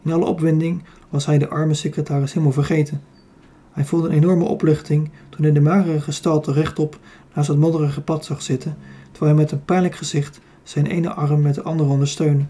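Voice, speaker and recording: Male Dutch audiobook narrator, mellow and slightly husky, even measured reading with small slips. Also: a little high. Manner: steady reading with occasional slips and self-corrections. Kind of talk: scripted narration of a children's fantasy book.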